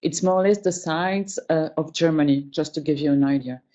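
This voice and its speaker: In a webinar, a travel company trainer speaks non-native English, frequently stopping to find the right words. She has a low-sitting, mellow voice, captured on dull-sounding audio.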